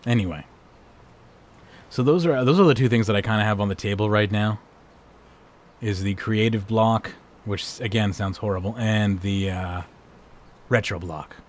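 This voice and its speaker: A man with a hoarse voice, hosting and wrapping up a livestream in a casual, rambling way. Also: on the low side, moderate pace, pauses often. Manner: rambling, laid-back. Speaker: livestream host. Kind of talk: casual stream sign-off chat.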